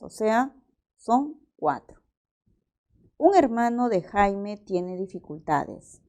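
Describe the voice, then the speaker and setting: Slow methodical woman teacher. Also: mid-range voice, mellow. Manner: slow, methodical, works through each example aloud. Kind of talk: exam-prep language lesson.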